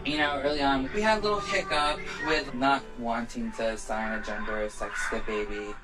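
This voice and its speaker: A man's voice: medium pitch, steady tone, fairly quick, low-quality recording. A man talking casually and personally in a video clip. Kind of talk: casual talk in a played video. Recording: loud music under the voice. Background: loud music.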